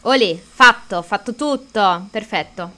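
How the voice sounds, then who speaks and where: A woman's voice: medium pitch, unhurried, pushed and bright. A woman chatting casually to her viewers while streaming a game, greeting them and cursing at the controls. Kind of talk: casual live-stream gameplay chat.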